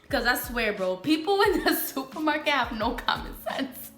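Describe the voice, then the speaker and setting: A young beauty vlogger from the Bronx, New York, does her makeup while chatting frankly with viewers in a casual get-ready-with-me video, calling them "sis" and "girl" amid heavy slang. Her voice sits high and bright with a sing-song lilt at normal speed. The room is echoey, with soft music playing.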